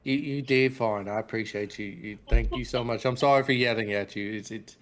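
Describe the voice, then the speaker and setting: A man's voice: fairly low pitch, a little fast. A man playing a tabletop role-playing game, talking in character in an impatient, pushy way. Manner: impatient, pushy, breaks into laughter. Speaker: player.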